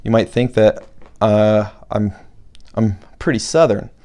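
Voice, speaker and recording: Male podcast host, low and mellow, deliberately slow, rambling solo chat. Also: fairly even intonation. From Buffalo, New York. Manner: talks slowly on purpose, rambling with restarts. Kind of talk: casual solo podcast monologue.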